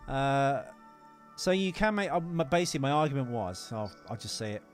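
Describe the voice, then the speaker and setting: A man co-hosts a podcast about film, ranting emphatically, sharing strong opinions and swearing freely in casual chat. His mid-range voice is expressive and a little fast, with faint music in the background.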